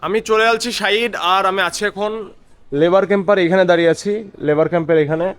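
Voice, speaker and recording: This vlogger, a construction site labour supervisor with a Bengali accent, has a cold as he chats casually to the camera in a rambling way, repeating phrases. His voice is high, fast, clean and fairly bright. He is outdoors on busy streets and at a building site, with noise from both behind him.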